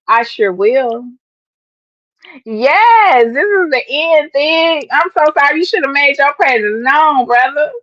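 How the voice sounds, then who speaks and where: A woman's high-pitched, slightly bright voice, free of echo, comes through dull lo-fi stream audio. She's a sports fan hosting her own live stream, chatting casually and emphatically to her viewers directly.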